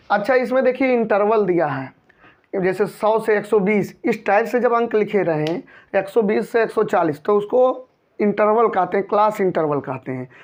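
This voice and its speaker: A man's voice: sits high, a little mellow. A man teaching a maths lesson, patiently going over each step and often checking in with his students. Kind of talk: maths lesson explaining a textbook problem. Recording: dull lo-fi recording.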